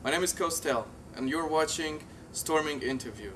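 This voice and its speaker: A man with a fairly high voice hosts an interview and asks light, teasing questions. He sits some way from the mic. Faint background noise runs under his voice. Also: normal speed, far from the mic. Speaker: interview host.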